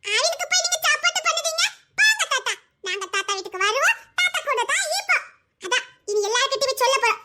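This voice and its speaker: A pair of cheeky little children, voiced by a woman, tattling in squeaky, giggly chatter. The voice sits extremely high and sounds bright and sharp. It is a comic family skit. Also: big pitch swings, fast talker, exaggerated voice.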